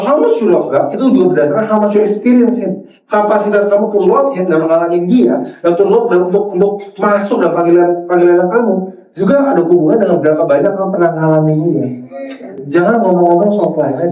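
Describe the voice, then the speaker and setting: A man preaching a lively sermon, mixing in English phrases and acting out quoted dialogue with sudden high-pitched jumps. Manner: mixes English phrases into Indonesian, addresses the crowd as saudara. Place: church hall. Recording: echoey church hall from far off.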